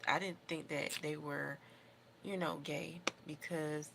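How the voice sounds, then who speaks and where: A woman's voice: sits low, fairly even intonation, takes it slowly, creaky. An American woman chatting casually on a livestream as host, rambling and opinionated in an informal way, with noticeable background noise. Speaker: livestream host doing her makeup.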